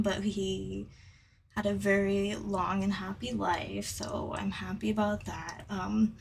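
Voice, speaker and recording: A woman vlogging about books in a slow, unhurried ramble, her voice a touch high and edged with fry. She drifts into hushed asides as she talks. A faint hiss sits under the home recording. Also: far from the mic, rough recording. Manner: rambling, chatty, drifts into whispers. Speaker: booktuber. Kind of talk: casual vlog chat.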